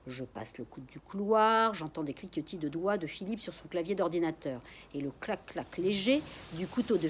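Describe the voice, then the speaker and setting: A woman's voice: lowish voice, a little hiss or hum. A woman reading her own suspense story aloud in the first person, sometimes dropping to a whisper, with a few restarts after slips. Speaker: author reading her book.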